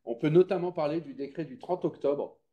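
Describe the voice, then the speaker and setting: At a public consultation meeting, a man presents with a slightly high, dark-toned voice at a fairly quick pace. His explanatory talk is informal and didactic, and he checks that listeners are following and takes questions.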